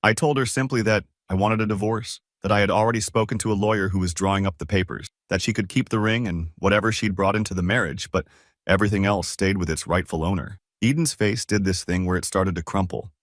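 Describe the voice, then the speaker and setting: A man with a lowish voice tells a first-person story as scripted narration. His delivery is casual and conversational. The recording is close and dry, with no room sound. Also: fast, no echo.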